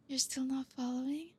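A young woman whispering softly in an intimate ASMR roleplay, reassuring and coaxing, with frequent low hums. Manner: soft unvoiced whispering, slow and soothing.

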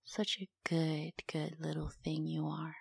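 A woman in a whispered intimate audio roleplay, talking slowly in a soft cooing manner close to the microphone. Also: low-pitched, monotone, creaky, husky, no echo. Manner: slow, cooing, mostly whispered.

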